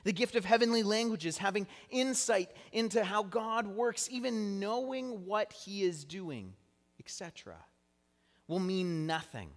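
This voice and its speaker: A man's voice: high voice, unhurried. A young man preaching a sermon, explaining scripture in an earnest teaching tone with touches of self-deprecating humor. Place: church sanctuary. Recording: long hall reverb.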